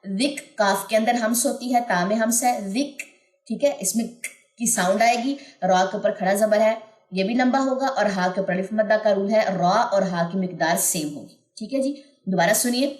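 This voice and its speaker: A woman teaching recitation rules who explains each point, then stretches the syllables out slowly to model them. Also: mid-range voice, a little mellow. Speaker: Quran tajweed teacher. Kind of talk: recorded online lesson. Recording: roomy echo.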